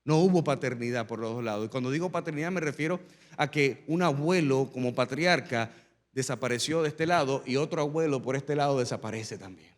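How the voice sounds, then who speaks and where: A man preaching a sermon as pastor, telling his own testimony and building to loud, emphatic preaching. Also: medium pitch, a little fast, long reverb tail.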